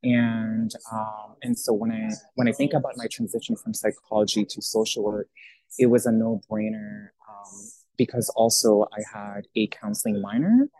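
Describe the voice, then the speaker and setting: A man's voice: fairly low pitch, steady tone, normal speed, dark tone. A young man from Italy, a social worker, speaking as a podcast guest in a thoughtful way with many fillers and restarts. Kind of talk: casual interview talk.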